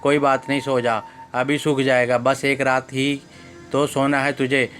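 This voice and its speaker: A patient, reproachful old mother as a man reads her lines speaks quietly and gently in a flat, even, mid-pitched voice. Faint music plays softly under her. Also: unhurried, lightly acted. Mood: gentle.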